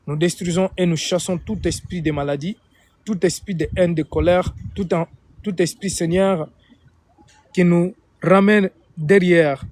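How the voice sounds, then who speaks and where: An unhurried, high-pitched voice, a little mellow and fairly even in intonation, belongs to an Angolan man who speaks Portuguese natively with an Angolan Portuguese accent. On a live stream he preaches and prays informally, often going back over his phrases to repeat or reword them.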